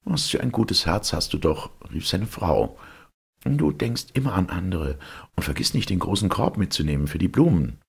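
A man's voice: deep voice, animated, normal speed, vocal fry, husky, full character voice. A man voicing a fawning miller's wife who talks in a gushing, admiring way, in a storybook reading.

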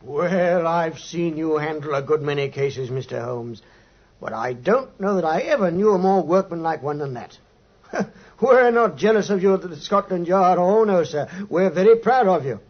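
An actor playing a respectful, plain-spoken, hearty British police inspector in a 1950s radio drama. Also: male voice, fairly high pitch, expressive, normal speed. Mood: proud, respectful. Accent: British English. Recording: muffled old 1950s radio recording.

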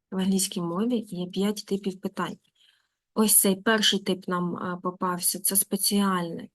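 A middle-aged woman teacher giving an online lesson, reading short English examples and explaining each one in her own language. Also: medium pitch.

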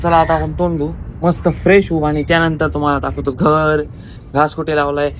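A man's voice: fairly high pitch, flat delivery, a little fast, slight background noise. A young man casually vlogging around his rural farm, chatting to his viewers as friends on a handheld phone. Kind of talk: casual vlog chat. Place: rural farmyard and fields, outdoors.

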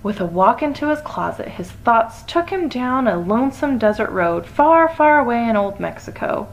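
A woman storyteller giving an expressive read-aloud of a children's picture book. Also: fairly high pitch, moderate pace, rough recording.

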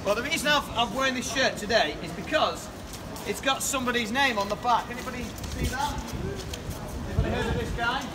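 A man's voice: very high voice, brisk. A man, preaching in the open air and chatting directly with passers-by, asking them questions. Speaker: street preacher. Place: rainy town-centre pedestrian street, outdoors. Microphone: far camera across the street. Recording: distant street recording with loud outdoor noise.

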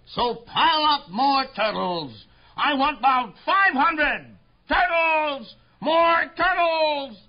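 Boastful turtle king, high swooping voice, husky edge, imperious, theatrical storybook villain, dull lo-fi sound. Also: very animated, slow pace, exaggerated voice. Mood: angry, domineering. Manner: grandiose, bellowing, imperious. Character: pompous, boastful turtle king, greedy and tyrannical. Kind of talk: theatrical children's story acting.

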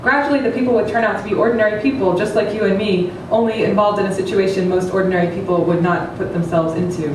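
At a literary event, a thirtysomething woman delivers a dramatic stage reading of satirical fiction to an audience in a small event room. Her medium-pitched voice is steady in tone, fast, with hardly a pause, recorded by a far-off table microphone on a stand amid heavy echo and noise.

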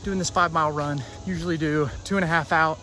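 Bright-voiced man vlogging while running. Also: a little high, fairly even intonation, fast talker, soft background music. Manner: talking while running outdoors. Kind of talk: casual vlog talk while running. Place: outdoors on a running trail.

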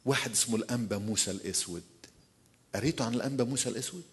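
A man's voice: mid-range voice, very fast, breathy edge. A man preaching a sermon in an Egyptian accent, repeating key phrases and putting rhetorical questions to his listeners. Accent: Egyptian Arabic. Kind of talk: sermon at a church retreat.

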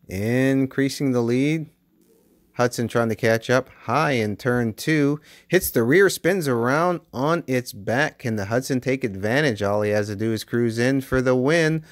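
A man giving play-by-play commentary on toy car races as the channel host, with bursts of excitement at close finishes. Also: mid-range voice, a little slow, no echo. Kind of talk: race commentary. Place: basement with toy race track.

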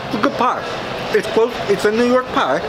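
A man's voice: sits high, expressive, moderate pace, noisy background. Man from Philly talking with mouth full. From Philadelphia area. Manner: talks straight to viewers, repeats phrases, tags lines with "okay?". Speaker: pizza reviewer. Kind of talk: casual food review vlog.

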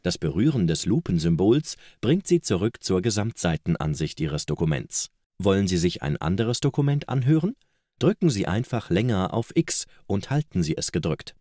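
Deep-voiced man narrating a product video. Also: warm tone, no echo, clean studio sound. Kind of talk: scripted promotional narration. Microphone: close studio voice-over microphone.

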